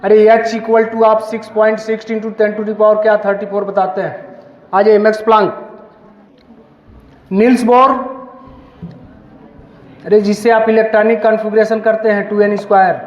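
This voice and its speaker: High-voiced man teaching in an echoey hall. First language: Hindi. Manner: calls students forward one by one, encouraging. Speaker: police officer leading a school workshop. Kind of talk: interactive classroom teaching. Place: school hall. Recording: echoey hall, dull lo-fi sound.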